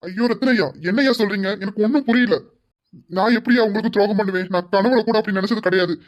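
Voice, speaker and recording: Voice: medium pitch, quick pace, lo-fi sound, close to an everyday voice. A performer voicing a frightened man who pleads that he has done nothing wrong. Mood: pleading. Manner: pleading, defensive. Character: frightened man protesting his innocence.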